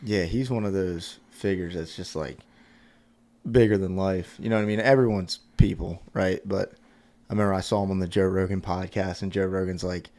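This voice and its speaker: A podcast host with a low, gravelly voice. He reacts in short, easygoing bursts, like a friend listening to a story. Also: steady tone, normal speed, a little mellow. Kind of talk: casual chat.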